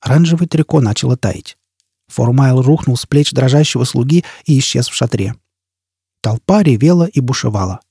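A man narrating an audiobook with lively, theatrical delivery. His voice is dark and a little husky. The recording is dry and close, with no room sound. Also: medium pitch, dry recording.

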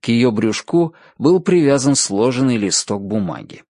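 A man narrating an audiobook in an expressive, animated reading style. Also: mid-range voice, moderate pace, dry recording, clean studio sound.

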